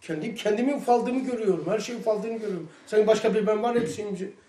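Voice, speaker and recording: A man's voice: high voice, quick pace. Religious study teacher, man, emphatic storyteller; roomy, distant recording. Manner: animated storytelling, emphatic outbursts. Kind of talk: religious lesson talk. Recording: echoey room, mic far off.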